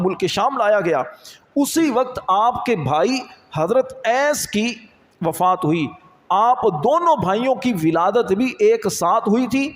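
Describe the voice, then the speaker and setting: A man giving an Islamic religious lecture, slowly reciting Arabic verses and then explaining them. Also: high-pitched. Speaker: Islamic preacher. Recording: long hall reverb.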